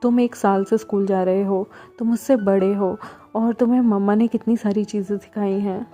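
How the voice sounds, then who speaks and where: A woman's voice: mid-range voice, fairly even intonation, normal speed, mellow, soft background music, lightly acted. A woman voicing a kind older brother who soothes and scolds firmly, in a storybook reading. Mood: gentle. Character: gentle, caring older brother, firm when scolding.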